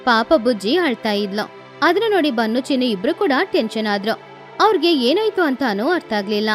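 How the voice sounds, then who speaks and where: Lively high-voiced woman storyteller. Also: normal speed, soft background music. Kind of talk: scripted cartoon narration.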